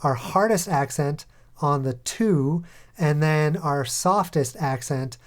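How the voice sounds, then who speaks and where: Calm man explaining music production. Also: a little high, slow pace. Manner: calm, methodical step-by-step explaining. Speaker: music production tutorial host. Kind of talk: tutorial voice-over over a screen recording.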